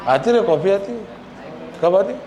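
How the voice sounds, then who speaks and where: A man teaching a chemistry class in a classroom, firing repeated questions at students and scolding them when they are slow to answer. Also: high-pitched, lively intonation, mellow. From Maharashtra, India. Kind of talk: classroom lecture. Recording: noisy classroom recording.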